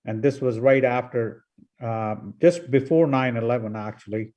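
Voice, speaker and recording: An older man, a company chief executive, calmly recounting his career on a panel over a video call. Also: medium pitch, normal speed. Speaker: CEO and panelist. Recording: dull lo-fi audio.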